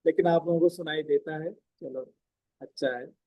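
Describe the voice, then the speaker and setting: A man teaching a scripture discourse at an ashram. He speaks loudly and emphatically and explains the verses term by term. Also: fairly high pitch, steady tone, normal speed, poor audio. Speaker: spiritual teacher.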